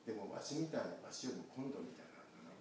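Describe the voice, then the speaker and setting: A man, a pastor telling a picture-card story to children in a church, animated and asking them questions. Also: lowish voice, rapid-fire, slight background noise. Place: church sanctuary. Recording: echoey church hall from far off.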